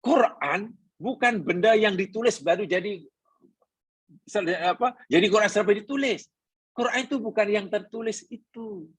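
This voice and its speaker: A man's voice: high voice, moderate pace, fairly bright tone, breathy edge, dry recording. A man with a Malaysian Malay accent teaching a Quran class, explaining patiently, repeating his points and asking the congregation questions. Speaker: religious teacher.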